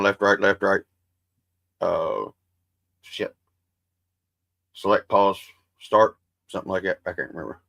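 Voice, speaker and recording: This man's voice sits on the low side, creaky and a little bright, as he hosts a livestream full of casual, rambling, profane chatter with viewers. He calls his own voice soothing. No echo is present.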